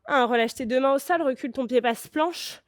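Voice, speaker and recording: A woman guides a yoga flow, her voice sitting a little high and close to the mic in a dry, dead space. She cues every breath and pose with steady encouragement. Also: brisk, no echo. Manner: encouraging, cueing breath and poses. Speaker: yoga teacher.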